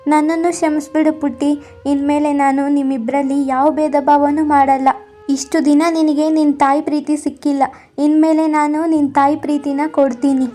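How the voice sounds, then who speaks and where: A woman's voice: high-pitched, little pitch movement, normal speed, mellow, soft background music, close to an everyday voice. A woman voicing a remorseful mother who pleads with her daughter for forgiveness in a cartoon story. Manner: pleading, apologetic. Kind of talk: storybook character voice.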